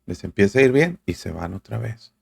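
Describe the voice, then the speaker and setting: A man's voice: lowish voice, animated, a little fast, vocal fry, slightly rough. A male pastor, preaching a sermon with earnest direct address and reading scripture aloud. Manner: reads scripture aloud, searches for verses mid-talk.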